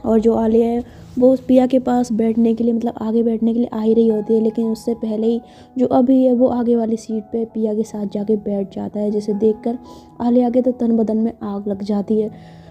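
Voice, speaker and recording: A woman narrates a story in a loose, chatty way, full of fillers. Her voice is fairly high yet dark and mellow. The recording sounds muffled and lo-fi, with faint music underneath. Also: flat delivery, normal speed.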